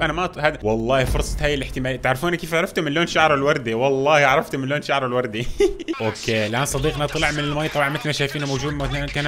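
Fast-talking excitable male gamer. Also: a little high, noisy background. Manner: fast, excitable, talks to viewers as "guys". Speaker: gaming YouTuber. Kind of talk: excited gameplay commentary.

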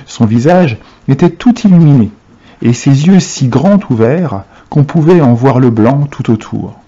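Man reading a children's novel aloud, expressive, lively pitch, mellow dark tone, muffled recording. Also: unhurried. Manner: expressive storytelling. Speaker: reader for a class.

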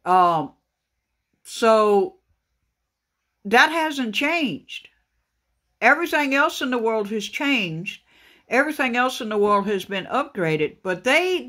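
Man, trucker, slow deliberate delivery, halting, lots of ums and restarts, casual vlog talk. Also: very high voice, pushed and bright. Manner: unhurried, halting, many fillers and restarts. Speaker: trucker vlogger. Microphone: phone camera pointed at a laptop screen.

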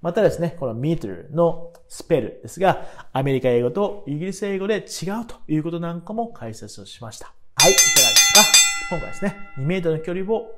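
A man hosting an English phrase lesson, explaining in a chatty way and saying the example sentences slowly and carefully. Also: on the high side, big pitch swings, a bit bright. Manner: chatty, uses frequent tag words. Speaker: English teacher and channel host.

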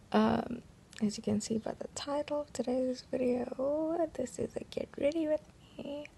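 A young woman with a croaky morning voice, chatting casually in a get-ready-with-me vlog and often dropping to a near-whisper. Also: sits high, slow pace, a bit bright. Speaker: beauty vlogger.

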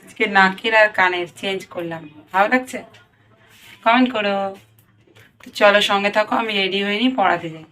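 A woman's voice: mid-range voice, a little fast, pauses often, a bit bright. A woman vlogging her daily routine as a home tutor, chatting casually and directly with her viewers.

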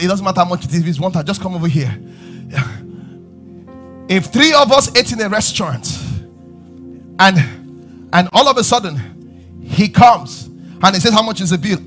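A man preaching a sermon on a church stage, asking the crowd questions and rising to shouts as he moves about. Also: high-pitched. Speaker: pastor. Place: large church stage with audience.

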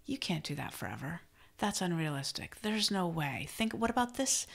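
A woman voicing a sneaky inner saboteur that coaxes in a hushed, low, tempting whisper. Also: very animated, a little fast, full character voice. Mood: coaxing.

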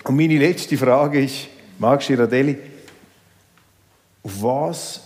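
A man in his fifties with a Swiss German accent, moderating a talk on stage in a large hall with a chatty, lively manner. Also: mid-range voice, slow pace. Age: 50s. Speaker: host. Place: large hall with live audience.

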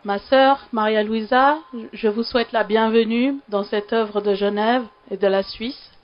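A woman's voice: on the high side, fairly even intonation, unhurried, muffled recording. A woman from Sri Lanka giving a heartfelt testimony in a church hall, faltering a little at emotional moments.

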